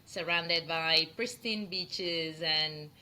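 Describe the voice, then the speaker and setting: Bright-voiced Spanish woman, chatty and laughing. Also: deep voice, very slow. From Spain. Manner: laughs often, warm and chatty with many fillers. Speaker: perfume brand founder. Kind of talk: interview conversation.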